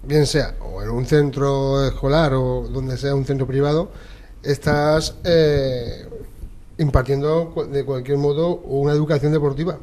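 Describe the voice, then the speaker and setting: A middle-aged football coach with an accent from Spain joins a spontaneous panel debate as a guest, hesitating and repeating himself. His medium-pitched voice is mellow, steady in tone and unhurried, with clear background noise in the recording.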